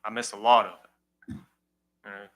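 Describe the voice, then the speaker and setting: Plain-spoken man, bright forceful voice. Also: on the low side, little pitch movement, normal speed, poor audio. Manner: plain-spoken, earnest, repeats "all right". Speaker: president of a girls softball league speaking at public comment. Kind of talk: public comment at a county meeting.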